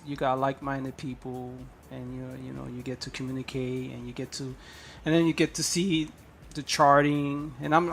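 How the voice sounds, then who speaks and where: Man, stream guest, casual chat, soft agreeable, gravelly, fairly high voice. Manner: agreeable, soft-spoken asides.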